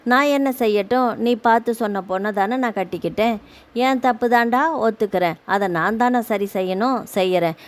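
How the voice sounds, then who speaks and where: A woman's voice: on the high side, normal speed, close to an everyday voice. Woman voicing a mild, placating young husband.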